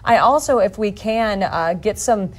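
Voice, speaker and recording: A woman's voice: mid-range voice, a little slow. A woman anchoring live television news, giving updates that are partly read and partly ad-libbed.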